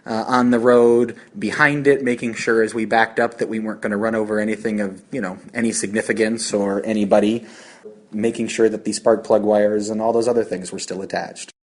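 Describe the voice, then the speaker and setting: A man with a lowish voice muses over old memories, loose and unhurried with fillers. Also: little pitch movement. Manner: musing with fillers. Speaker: tribute speaker. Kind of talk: anecdotal tribute.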